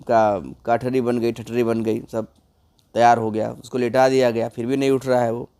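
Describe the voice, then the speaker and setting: A man's voice: medium pitch, level tone, moderate pace, warm tone, smooth. A man narrating a comic folk tale in a loose, conversational way, addressing his viewers. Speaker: storyteller.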